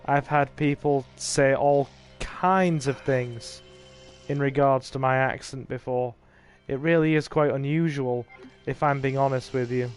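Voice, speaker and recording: An unhurried, steady, mid-range voice belongs to a streamer from England with an English accent, casually commentating a horror game. Faint music plays behind him as he chats in a laid-back manner with his viewers.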